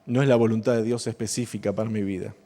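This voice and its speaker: A man's voice: lowish voice, steady tone, quick pace, mellow. A man preaching a sermon at an evangelical church service, emphatic and building to impassioned exhortation. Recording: long church reverb, faint instrument music.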